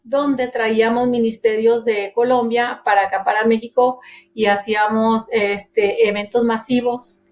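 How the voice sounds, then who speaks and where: A woman's voice: fairly high pitch, flat delivery, a little slow, faint music behind. A woman from Monterrey with a northern Mexican accent, giving an earnest personal faith testimony in a church radio interview, full of fillers and restarts. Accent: northern Mexican Spanish.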